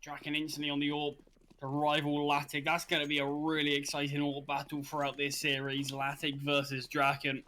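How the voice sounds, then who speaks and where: Relaxed male color commentator. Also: fairly high pitch, a little fast, slight background noise. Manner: relaxed, casual, self-correcting. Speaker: esports co-caster.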